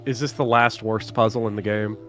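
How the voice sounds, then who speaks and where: A man's voice: on the low side, fairly even intonation, fairly quick, a bit bright. A man chatting casually as a guest co-player on a game stream, rambling with frequent restarts. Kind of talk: casual let's-play chat. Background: game music.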